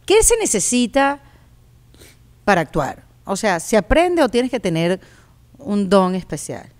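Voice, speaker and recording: A woman's voice: mid-range voice, sing-song, measured pace. Woman guest on a podcast, chatty, laughs a lot, keeps the banter going. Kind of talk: casual chat.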